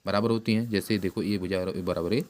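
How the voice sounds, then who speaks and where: A man's voice: deep voice, steady tone, a little mellow. Man teaching math, quizzing his pupil. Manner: repeats terms and quizzes the pupil with quick questions; plain conversational delivery with frequent restarts. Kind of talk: informal classroom lesson.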